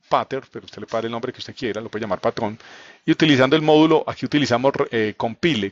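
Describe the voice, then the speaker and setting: A man teaching a live online programming class, walking through code on screen. He explains step by step, quizzes the students and often checks in with a quick question. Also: mid-range voice, dry recording, muffled recording. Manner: explanatory, asks students questions, frequent fillers like "entonces" and "¿cierto?". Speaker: programming instructor.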